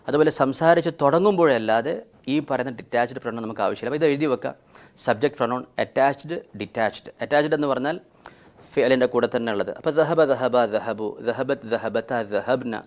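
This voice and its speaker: A man teaching grammar at an ordinary, middle pitch. He explains patiently and recites verb forms one after another in steady drilled lists, dropping English grammar terms into his explanations. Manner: mixes Malayalam with English and Arabic grammar terms.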